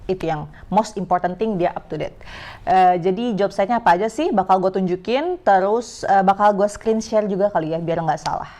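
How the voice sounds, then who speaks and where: Offering job advice in her vlog, this young Indonesian-accented woman talks casually and informally, frequently correcting herself, and has slight difficulty with some sounds. Her voice is mid-range and dark in tone, at a moderate pace.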